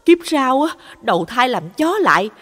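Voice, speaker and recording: Brief: woman voicing an elderly village woman, grief turned to vengeful cursing, high and strained, husky edge. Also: sing-song, slow pace, big-room sound, exaggerated voice. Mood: furious grief. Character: grieving old village woman cursing in rage.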